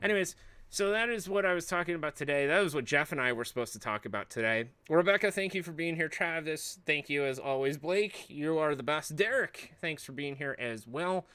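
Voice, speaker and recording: A man's voice: on the high side, sharp tone, clear, resonant tone. A man hosting a livestream, chatting casually in rambling, joking rants. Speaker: livestream host.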